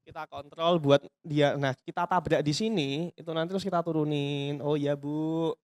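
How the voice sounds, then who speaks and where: Brief: animated seminar trainer, mid-pitched voice, dry close sound, acts out customer exchanges. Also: no echo. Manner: lively, acts out customer dialogues in quick voices; addresses audience directly, asks and answers own questions. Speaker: business trainer. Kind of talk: casual seminar talk.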